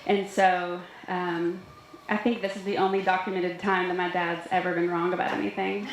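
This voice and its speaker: A woman's voice: fairly low pitch, flat delivery, normal speed. Woman giving chatty wedding toast, very echoey. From Nashville, US. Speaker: bride's older sister giving a wedding toast. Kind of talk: informal wedding speech with anecdotes. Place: large reverberant room at a wedding reception. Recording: very echoey hall, faint noise.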